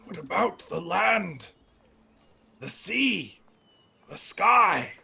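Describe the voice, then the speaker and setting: A man voicing a grumpy, bitter old nature priest in a tabletop game, with a creaky, raspy, slow and solemn delivery. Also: high voice, sing-song, bright, forceful tone, heavily acted. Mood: mournful, grumbling. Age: older. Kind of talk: tabletop role-play acting.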